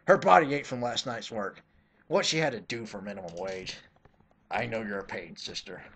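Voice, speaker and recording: Fan fiction gets a mock-dramatic treatment from a mid-pitched reader whose theatrical delivery carries an exasperated, put-upon edge. Sarcastic remarks keep interrupting the narration between sentences.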